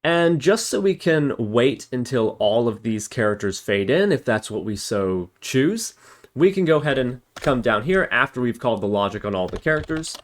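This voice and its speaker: A man with a medium-pitched, sing-song voice talks at a normal speed through a casual, step-by-step programming tutorial. He thinks aloud as he types and corrects himself along the way. The recording is noisy, with computer keyboard typing, clicking, and background noise.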